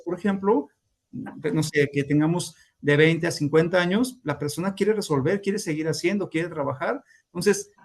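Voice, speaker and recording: A man lecturing on grief as a therapist, explaining steps and acting out clients' voices in quotes. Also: on the high side. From Mexico. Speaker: grief therapist teaching a class.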